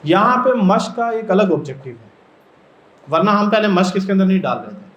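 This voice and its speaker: A Pakistani man leads a teacher-training workshop, explaining step by step and frequently asking the room questions. His voice sits high, a bit bright, with big pitch swings. The recording is echoey and dull, with lo-fi quality.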